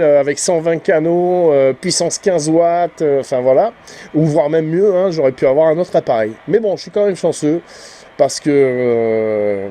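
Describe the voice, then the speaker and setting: This man has a fairly high, warm voice. Hosting his amateur CB radio channel, he drifts through casual vlog commentary, hesitating often and trailing off with small tag words.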